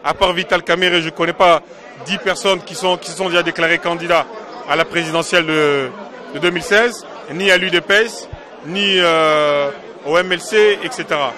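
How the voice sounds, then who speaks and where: A man's voice: fairly high pitch, steady tone, moderate pace, pushed and bright, some chatter behind. A man from Congo, a diaspora political activist, answering interview questions in an emphatic, insistent way and repeating his points.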